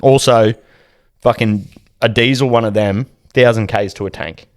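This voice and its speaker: Young Aussie man, podcast co-host, animated storyteller, dry close sound. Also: on the low side, moderate pace, no echo. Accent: Australian. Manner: animated, swearing, acts out quotes in a raised voice. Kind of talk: casual storytelling chat.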